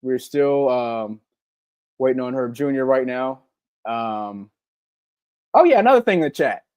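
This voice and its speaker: A man in his forties with a Southern US accent, co-hosting a live podcast in relaxed, rambling casual chat with many filler ums. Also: medium pitch, unhurried, clear, resonant tone, no echo. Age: 40s. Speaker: podcast co-host.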